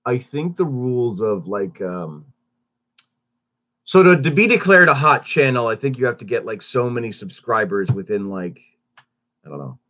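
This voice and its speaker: A man hosting a casual morning update for his channel, sounding stuffy and under the weather, rambling with many fillers and restarts. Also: fairly low pitch. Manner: animated, swoops up on greetings. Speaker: YouTube channel host.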